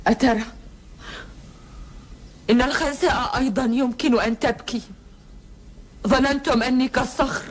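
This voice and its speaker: An actress playing a proud, sorrowful, iron-willed Bedouin woman in a historical TV drama, speaking formal Arabic gravely and deliberately. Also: high voice, fairly even intonation. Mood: wounded, sorrowful. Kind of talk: solemn classical Arabic historical TV drama acting. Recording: old TV soundtrack with background noise.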